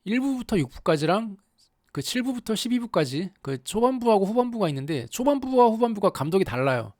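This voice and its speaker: A solo commentator chats through an anime plot in a loose, talky way, with a voice that swings up and down a lot. The delivery is animated and exaggerated, full of rhetorical questions put to the listeners. It is recorded close up in a dry room with almost no echo. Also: mid-range voice, fairly quick.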